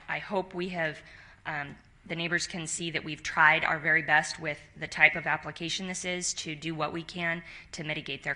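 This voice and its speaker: A woman representing an applicant, presenting calmly and conciliatorily at a county commission hearing. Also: deep voice. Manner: measured, conciliatory, with frequent fillers. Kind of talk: formal presentation at public hearing. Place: county commission meeting chamber.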